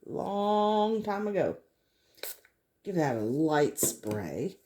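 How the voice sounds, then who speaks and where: A woman's voice: fairly low pitch, very animated, extremely slow, dark tone, a little hiss or hum. A woman chatting casually to viewers as she works on a craft, thinking aloud as she goes. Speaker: craft vlogger hosting a resin tutorial. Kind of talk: casual chat while working.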